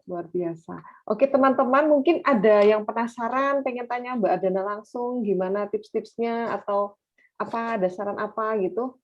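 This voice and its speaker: A woman's voice: a little high, moderate pace. A woman with an Indonesian accent moderating a webinar informally, dropping in English phrases. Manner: mixes English phrases into speech. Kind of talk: chatty, informal hosting. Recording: dull, lo-fi online call.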